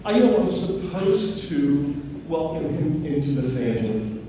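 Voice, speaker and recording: A middle-aged man giving a father of the bride speech to wedding guests, speaking emphatically with halting pauses. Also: fairly high pitch, sing-song, warm tone. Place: large reverberant wedding reception room. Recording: echoey noisy hall, distant microphone.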